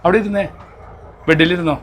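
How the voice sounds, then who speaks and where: A man's voice: high-pitched, fairly even intonation, a little fast, fairly bright tone, a little hiss or hum. A man with a Kerala accent giving a casual vlog tour, mixing English words into Malayalam and often prompting his companion with short questions. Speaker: travel vlogger.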